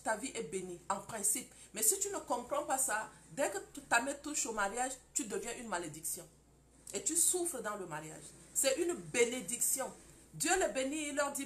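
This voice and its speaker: A woman teaching a preaching-style lesson, emphatic and animated, acting out scenes. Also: a little high, slight background noise. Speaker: founder of a marriage school for women.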